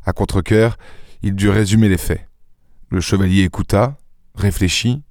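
A man reading a classic novel aloud as an audiobook narrator, in a measured storytelling delivery into a close studio microphone. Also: on the low side, a little mellow, no room sound. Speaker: audiobook reader. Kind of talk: scripted literary narration.

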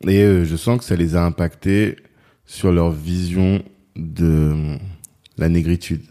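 A man's voice: low voice, steady tone, unhurried, warm tone. A man hosting a podcast interview, casual and chatty, with frequent short acknowledgements to his guest. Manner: frequent short backchannels, laughs easily. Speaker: podcast host.

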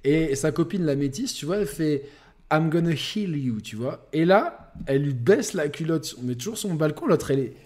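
A young man co-hosting a podcast, telling a crude story in a rambling, animated way with lots of fillers. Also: on the high side, fairly quick, hardly any pauses. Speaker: podcast co-host. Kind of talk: casual storytelling chat.

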